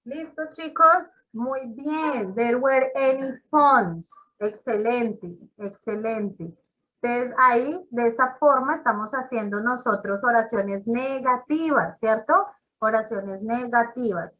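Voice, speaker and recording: Woman teacher, bright and slightly high voice, unhurried, encouraging. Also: rough recording. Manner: encouraging, praises students by name; slow and explanatory, repeats examples. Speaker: English teacher. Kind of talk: classroom teaching.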